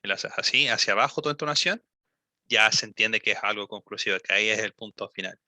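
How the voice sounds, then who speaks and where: A man leads a speaking lesson as an English teacher, patiently explaining and slowly modelling each phrase. His low-set voice is bright and forceful. The sound is close and dry. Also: dry recording.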